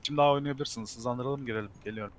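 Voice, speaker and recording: Brief: man leading his squad over game voice chat, quick clipped orders, mid-pitched. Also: fairly even intonation. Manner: brisk commanding callouts. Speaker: team caller in an online shooter match. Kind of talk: tactical team voice chat while gaming.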